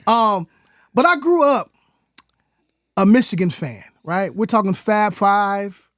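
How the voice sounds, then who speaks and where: High lively guy ranting about football on a podcast, swears a lot, dry close mic. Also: slow, dry recording. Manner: animated, exclamatory, swears freely. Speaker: sports podcast co-host. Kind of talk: casual sports debate.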